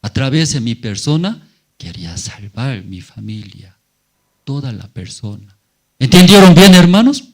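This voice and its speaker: Slow-speaking male pastor. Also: fairly low pitch, animated, vocal fry, breathy edge. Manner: simple broken phrasing, frequent rhetorical questions. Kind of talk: sermon.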